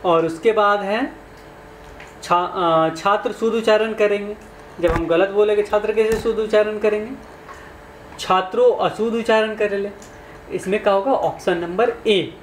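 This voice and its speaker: In an echoey space with faint noise behind him, a man with a high voice teaches exam questions at a moderate pace. He keeps it conversational, posing questions to those listening.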